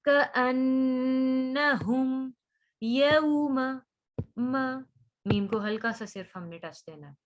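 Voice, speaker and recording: A woman teaching Quran recitation in an online lesson. She patiently corrects pronunciation sound by sound, drawing out recited words slowly before explaining them. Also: a little high, animated, muffled recording.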